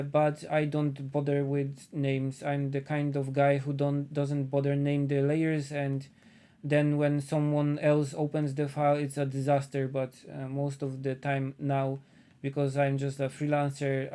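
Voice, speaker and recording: A Polish man with a Polish accent talks casually on a livestream while painting, thinking out loud and pausing often. His voice is medium-pitched, mellow, and smooth.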